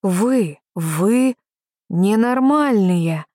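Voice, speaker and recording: A woman reading the lines of a rough, indignant middle-aged man in an audiobook. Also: medium pitch, expressive, very slow, a little mellow, dry recording, clean studio sound. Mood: outraged.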